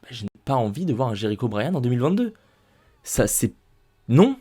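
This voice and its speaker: A man's voice: mid-range voice, sing-song, fairly quick, dark tone, breathy edge. Ranting young man recapping a show. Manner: emphatic, ranting, repeats himself. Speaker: wrestling recap youtuber. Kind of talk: casual spoken show recap. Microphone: desk microphone.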